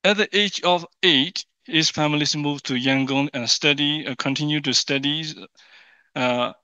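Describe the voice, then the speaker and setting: Male conference presenter, Burmese accent, clear ringing tone, halting delivery with repeats, recorded dull in an echoey room. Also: on the high side, steady tone, sharp tone. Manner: halting, repeats and rephrases phrases. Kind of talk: formal paper presentation in non-native English.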